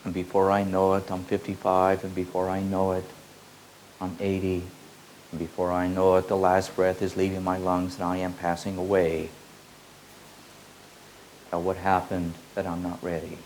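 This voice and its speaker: Slow and meditative, this spiritual teaching is delivered by a man with a very low, slightly mellow voice, speaking in a monotone and repeating phrases like an incantation with minimal pitch movement. A rough recording leaves faint old-tape hiss beneath.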